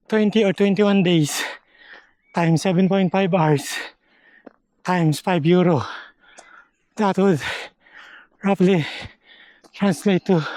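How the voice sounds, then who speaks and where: A man from the Philippines vlogging a forest hike, explaining things slowly in short halting phrases, sometimes out of breath. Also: high voice, a little mellow, no room sound. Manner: slow, halting, explains step by step. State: out of breath at times. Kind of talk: casual hiking vlog. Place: outdoors on a forest trail.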